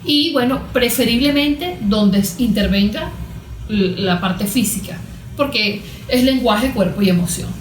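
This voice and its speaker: A Venezuelan woman, a cognitive therapist appearing as a guest expert, explains ideas in a conversational interview and often acts out small imagined examples. Her voice is fairly high and a little slow. Soft music plays under an echoey, roomy recording.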